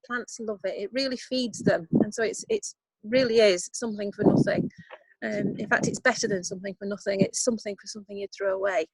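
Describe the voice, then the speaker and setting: This Yorkshire woman's voice is creaky and husky, steady in tone and fairly quick, captured in a dry, rough recording. She's outdoors in a garden hosting an informal composting workshop by video call, talking chattily, poking fun at herself and saying um a lot.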